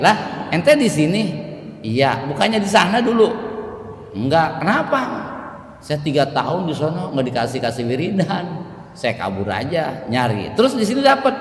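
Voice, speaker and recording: A man with a lilt, preaching at a mosque study circle in a casual, joking storytelling way, acting out dialogue. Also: a little high. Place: mosque hall. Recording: echoey mosque hall with faint noise.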